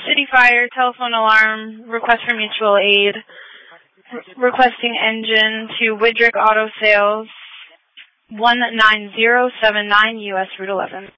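A woman's voice: on the high side, flat delivery, a little slow, pushed and bright, dry recording. A woman working as a fire dispatcher, speaking in clipped, procedural calls and reading out addresses, heard over a scanner radio. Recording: muffled lo-fi radio transmission.

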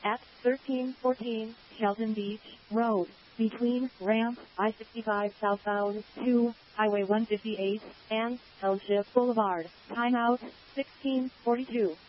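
A woman emergency dispatcher reading out a call over a two-way radio in a clipped, even way, repeating it word for word. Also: on the high side, unhurried, few pauses. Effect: two-way dispatch radio transmission. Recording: muffled radio audio with faint hiss.

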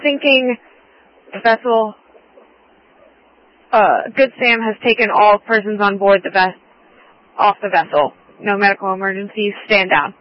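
A man's voice: high-pitched, steady tone, a little slow, pauses often, dry recording. A man working as a Coast Guard radio operator, speaking in clipped, formal radio procedure over a marine radio transmission. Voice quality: crisp, formal call-and-response phrasing. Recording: muffled dry radio audio.

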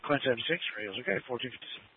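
Man, emergency dispatcher, two-way radio, quick clipped delivery, narrow phone-like sound. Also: mid-range voice, animated, noisy background. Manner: terse, rapid, procedural. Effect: two-way emergency radio transmission. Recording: narrow tinny radio channel.

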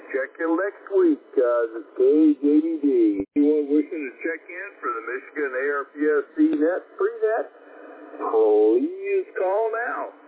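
A man's voice comes through a narrow, staticky radio channel as he runs a radio net. He sits a bit high for a man. He talks in short, businesslike bursts over a faint hiss. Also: lively intonation, a little slow. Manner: clipped, businesslike radio talk. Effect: radio transmission with static. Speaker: amateur radio net control operator. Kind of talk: radio net check-in procedure.

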